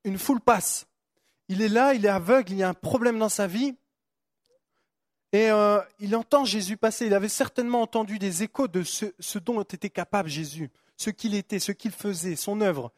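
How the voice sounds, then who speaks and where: A man's voice: sits high, normal speed, no room sound, studio quality. A young man preaching a sermon, fervent, repeating phrases for emphasis and stumbling on words. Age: young adult.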